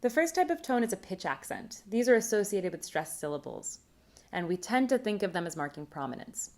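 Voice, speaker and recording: A woman presenting a recorded academic conference talk on linguistics, explaining terms in a clear, measured way. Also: mid-range voice, very animated, a little mellow.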